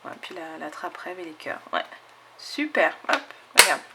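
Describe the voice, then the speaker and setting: Chatty woman with a gravelly voice. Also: fairly low pitch, big pitch swings, moderate pace, heavy background noise. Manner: enthusiastic, chatty, lots of fillers and "hop". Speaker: scrapbooking channel host. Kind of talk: casual show-and-tell of craft mail.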